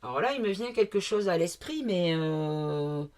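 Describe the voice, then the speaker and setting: A woman's voice: fairly low pitch, expressive, a little slow, a little mellow. A woman from the south of France doing a casual card reading to camera, thinking aloud with many fillers and asides. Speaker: card reader.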